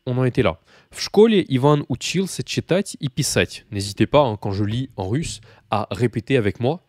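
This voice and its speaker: A man with a somewhat low voice runs a relaxed beginner Russian lesson, talking straight to his learners. He rambles through asides and fillers. The sound is dry and close, with no room echo. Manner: chatty, many fillers and asides, addresses learners directly. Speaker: Russian teacher. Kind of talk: casual video lesson.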